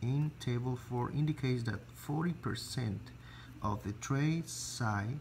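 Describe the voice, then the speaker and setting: Speaking English with a Spanish accent, this native Spanish speaker walks through an electrical calculation in a slow, step-by-step tutorial, often stopping and restarting as he hunts for words. He has a mid-range voice with vocal fry and a slightly mellow quality, and there's a little hiss or hum in the background.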